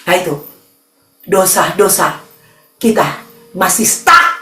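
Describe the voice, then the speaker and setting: A woman pastor preaching a sermon in an animated way, calling out questions to the congregation in a church. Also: fairly low pitch, slow, faint music behind. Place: church hall. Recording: echoey hall from far off.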